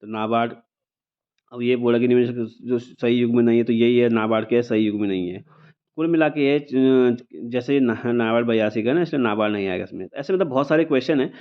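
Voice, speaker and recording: A man's voice: medium pitch, a little fast, clean tone. Casting: male coaching teacher, casual exam review, muffled sound. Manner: conversational, repeats "ठीक है ना" as a filler. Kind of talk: informal exam paper review. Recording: dull lo-fi recording.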